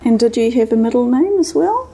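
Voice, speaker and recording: A woman's voice: fairly high pitch, big pitch swings, brisk, mellow, slightly rough. A woman, conducting an oral history interview in someone's home. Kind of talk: gentle question-and-answer interview.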